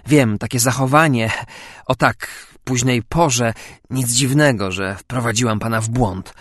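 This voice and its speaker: A man's voice: mid-range voice, measured pace, a bit bright, no room sound, clean studio sound. A frightened, pleading young woman, as a man reads her.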